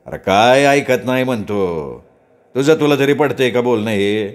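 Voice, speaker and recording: A man voicing a flashy, scheming young village rich man who speaks in a slow, coarse, coaxing drawl. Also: mid-range voice, lightly acted.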